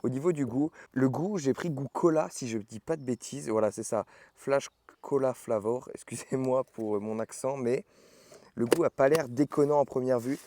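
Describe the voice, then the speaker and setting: A man's voice: mid-range voice, moderate pace, mellow. A young man chatting casually to camera as a fitness vlogger, explaining with fillers and self-corrections. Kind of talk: casual vlog talk to camera.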